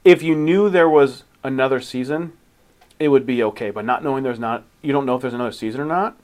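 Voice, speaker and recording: A man's voice: medium pitch, darkish tone. Regular guy on a podcast, mid voice, stumbles and restarts a lot while giving his take. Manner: halting, restarts often, rates things plainly. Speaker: podcast co-host. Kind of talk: casual chat.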